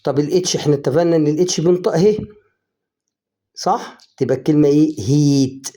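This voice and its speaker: Egyptian-accented man, English teacher, online phonics lesson, coaxing prompts, slowed example words, mellow tone. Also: fairly high pitch. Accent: Egyptian Arabic. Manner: coaxing, keeps asking "ha?" to prompt the viewer.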